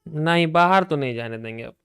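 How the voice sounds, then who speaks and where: A man's voice: on the high side, fairly quick, vocal fry, a bit bright, clean tone, dry recording. Doting man. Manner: coaxing, doting baby talk to his pet cat. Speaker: game streamer. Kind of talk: casual live-stream chat. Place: at home with his cat. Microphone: desk microphone.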